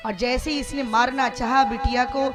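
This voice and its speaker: A woman's voice: high voice, steady tone, normal speed. A woman telling a devotional story as a sermon, in a dramatic and emotive way. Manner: dramatic, emotive, voicing characters. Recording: instrumental music behind the voice.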